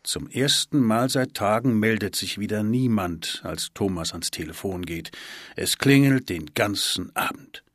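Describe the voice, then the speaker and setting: Audiobook narrator, man, calm and measured, low and dry. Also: no room sound. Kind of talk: scripted narration.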